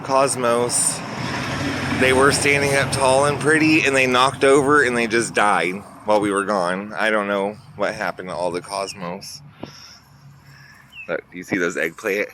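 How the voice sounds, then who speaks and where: Recorded on a handheld phone in a roadside garden, a man shows viewers his plants in a chatty walkthrough. His voice is fairly low, steady, bright, and forceful, at a measured pace, with a slight congestion. Faint traffic and outdoor ambience sit in the background.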